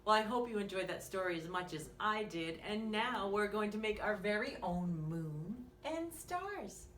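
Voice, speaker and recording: With a medium-pitched, fairly bright, expressive voice at a moderate pace, a woman hosts a read-aloud storytime and craft lesson, singing her words and posing simple questions to little ones. It sounds echoey, recorded from a distance with faint noise.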